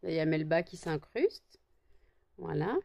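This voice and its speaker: A French woman vlogging casually to camera, with a high, shrill voice, tired and barely awake, rambling with many fillers and restarts. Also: expressive, a little slow, creaky, warm tone.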